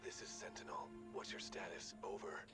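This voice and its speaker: A man's voice: moderate pace, bright, forceful tone, soft background music. An actor playing a terse male neighborhood watch contact heard faintly over a walkie-talkie, speaking in clipped radio protocol. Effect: faint, distant walkie-talkie voice. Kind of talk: video game voice acting.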